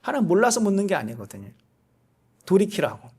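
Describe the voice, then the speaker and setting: Conversational male pastor, slightly high voice. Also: wildly swooping pitch, quick pace, slightly rough. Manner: conversational, asks listeners rhetorical questions; voices quoted speech with shifts in pitch and loudness. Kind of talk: sermon.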